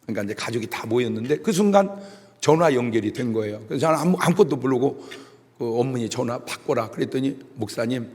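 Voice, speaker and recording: A middle-aged man pastor giving a humorous sermon, telling stories and acting out shouted voices. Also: mid-range voice, quick pace, breathy edge. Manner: animated storytelling with jokes and shouted imitations. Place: church sanctuary. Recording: long reverb of a church hall.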